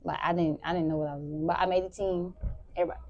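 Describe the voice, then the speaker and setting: A teenage girl, a high school sprinter answering interview questions in a relaxed, rambling way. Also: racing, dry recording, lo-fi sound. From Memphis, Tennessee. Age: teens. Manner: relaxed, rambling, many "like" fillers.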